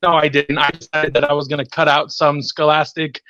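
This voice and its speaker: A man's voice: a little high, level tone, fairly quick, muffled recording, crowd noise. A man improvising a rambling comic story over a video call, hesitating often with fillers. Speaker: improv player.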